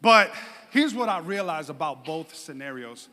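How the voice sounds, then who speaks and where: A pastor telling a humorous story from the pulpit, animated and theatrical and at times shouting. His voice sits high and bright. It echoes through a reverberant church hall. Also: moderate pace, slight background noise.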